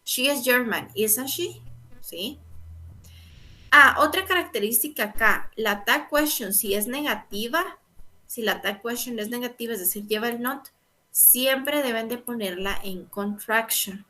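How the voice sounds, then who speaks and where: A woman's voice: fairly high pitch, a little slow, sharp tone. A woman teaching an English grammar lesson, explaining patiently and checking in with "¿verdad?" again and again. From Guatemala. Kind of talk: online lecture explaining grammar.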